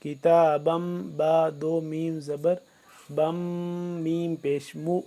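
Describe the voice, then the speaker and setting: A man teaching tajweed in Urdu, who recites verses slowly and loudly and then explains the rules quickly and quietly, asking his students questions. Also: a little high, level tone. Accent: Pakistani Urdu.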